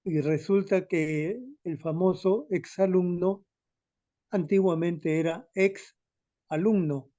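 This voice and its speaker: Slow, hesitant man on a muffled call. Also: high voice, fairly even intonation, dark tone. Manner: slow, hesitant, searching for words. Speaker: student. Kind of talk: explaining his essay topic in class.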